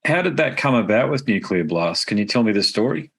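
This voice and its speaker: Aussie bloke doing a music interview, lowish voice, matey n informal. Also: male voice, sing-song, fairly quick, fairly bright tone, slightly rough. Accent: Australian. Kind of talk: casual interview chat.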